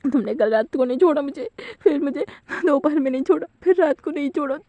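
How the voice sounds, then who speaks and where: A woman voicing a shy, flustered young man who pleads softly and hesitantly in a storybook retelling. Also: mid-range voice, level tone, a little fast, no echo, highs cut off, natural voice. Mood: whiny complaining.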